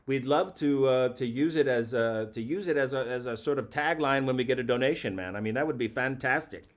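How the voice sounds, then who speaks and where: A man's voice: mid-range voice, fairly quick. A man hosting a comedic call-in show, talking in a mock-grandiose, rambling way that circles back on itself. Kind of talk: comedic late-night call-in talk.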